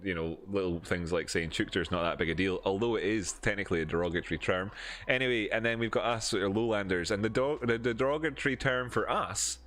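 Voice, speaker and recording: This Scottish crypto streamer has a deep, slightly bright voice and an Edinburgh accent. He chats casually on his live stream, responding to viewers and explaining charts with plenty of fillers and restarts.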